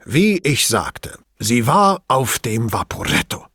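A man's voice: medium pitch, very animated, slow pace, sharp tone, no echo, studio quality, exaggerated voice. A man playing a pompous, indignant police chief. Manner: indignant, emphatic, complaining.

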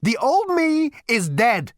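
A woman's voice: mid-range voice, very animated, unhurried, no echo, studio quality, pitched above the performer's own voice. A woman reading an audiobook, voicing a brash, petulant young male space rogue who rants defiantly. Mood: furious. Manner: ranting, defiant. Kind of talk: audiobook character voice.

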